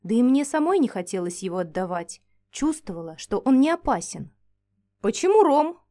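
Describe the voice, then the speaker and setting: A woman narrating a first-person fantasy audiobook in an expressive, animated way. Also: mid-range voice, fairly quick.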